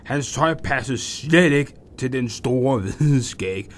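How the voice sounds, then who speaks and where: Man reading a lively Christmas story. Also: medium pitch. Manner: lively, expressive first-person reading. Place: studio.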